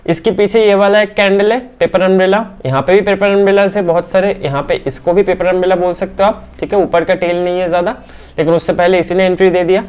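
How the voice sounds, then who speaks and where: A man's voice: sits high, fairly even intonation, quick pace, a little mellow, clear, resonant tone. Chatty man explaining trading charts. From India. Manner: keeps checking in with "theek hai?"; talks through hesitations with "aa" fillers. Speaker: stock market teacher. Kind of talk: explaining candlestick charts on screen.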